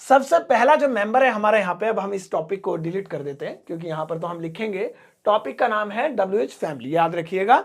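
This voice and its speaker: A man teaching a spoken English lesson, writing on a board as he goes and repeating each word slowly, spelling some of them out. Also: sits high, animated.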